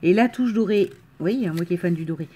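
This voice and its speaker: Woman, from the Marne, slight northern French accent, lowish pitch, casual unboxing chat, enthusiastic, fillers. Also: fast talker, dark tone, a little hiss or hum. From Marne, France. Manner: chatty, enthusiastic, laughs often, many fillers. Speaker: crafting vlogger.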